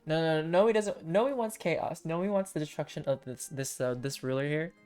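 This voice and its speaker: A woman casually commentating as she hosts a game livestream, playful and often halting as she thinks aloud. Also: deep voice, darkish tone, faint music behind. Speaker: game streamer hosting a viewer voting game.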